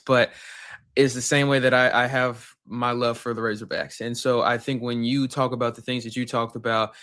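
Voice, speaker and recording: A man's voice: mid-range voice, sharp tone, clean tone. A man hosting a podcast, asking long, earnest, rambling questions in a casual interview. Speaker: podcast host.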